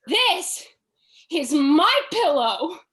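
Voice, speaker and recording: A woman's voice: high voice, big pitch swings, very slow, fairly bright tone, exaggerated voice. A woman acting an exasperated, clumsy young woman with incredulous outbursts. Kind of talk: audio drama acting.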